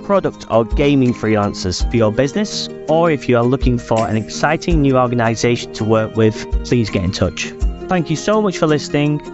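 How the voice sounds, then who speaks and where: A man, the managing director, reading an upbeat promotional message for the show. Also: medium pitch. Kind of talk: scripted promo read. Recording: lo-fi audio with music bed.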